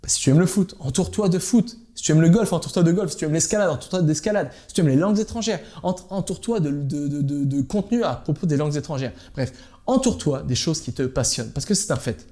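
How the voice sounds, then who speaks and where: A man coaches viewers on learning a language in an informal lesson, speaking directly to them and hammering home his key points. He talks at a brisk clip in a warm, mellow voice that sits a little high for a man. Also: animated. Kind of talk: informal teaching monologue to camera.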